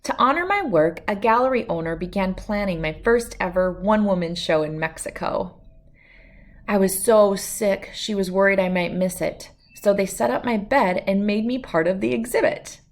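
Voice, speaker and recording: At a moderate pace and in a mid-range voice, a woman reads aloud from a children's picture book told in the first person, her narration expressive and clearly phrased.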